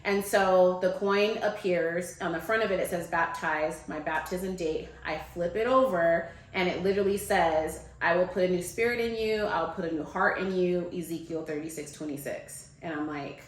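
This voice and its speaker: A woman with a lowish voice tells a personal story as a guest in relaxed, chatty fashion. She acts out the people she quotes by jumping up into a higher voice. The room sounds echoey. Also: moderate pace, few pauses. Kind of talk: casual storytelling.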